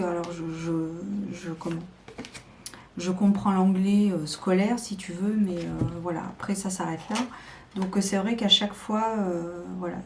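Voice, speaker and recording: A woman's voice: medium pitch, darkish tone, a little hiss or hum. A woman showing tarot decks to camera in a casual, hesitant chat full of fillers and restarts. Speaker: tarot video creator.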